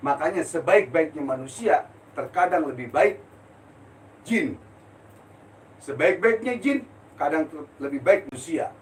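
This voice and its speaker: An older man giving a blunt, forceful, street-style religious talk on a live stream as a spiritual healer, often out of breath. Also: fairly high pitch. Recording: distant mic with faint noise.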